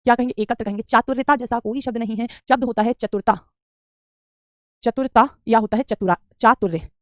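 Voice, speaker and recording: A woman's voice: on the high side, fairly even intonation, fairly quick, no echo, studio quality. A woman teaching spelling in an online exam-prep class, answering students' questions and repeating each correct word for drill. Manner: answers student questions, says "beta" often. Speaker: Hindi teacher.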